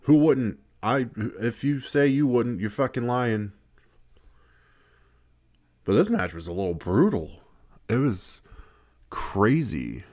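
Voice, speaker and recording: A man's voice: medium pitch, very animated, slow, long pauses, darkish tone. A man giving casual gameplay commentary, swearing a lot, laughing often and rambling with restarts. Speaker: gaming video creator.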